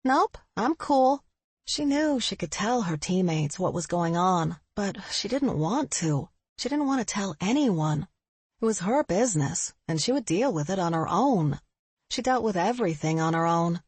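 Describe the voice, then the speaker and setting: Woman narrator, husky, lower voice, dry booth sound. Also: animated, moderate pace, a little mellow, no echo. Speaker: audiobook narrator. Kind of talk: scripted audiobook narration.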